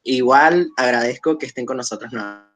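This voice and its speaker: A man hosting a webinar and moderating an online panel. He speaks in a measured way, with frequent fillers and restarts. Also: medium pitch, fairly bright tone, slight background noise. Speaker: webinar host.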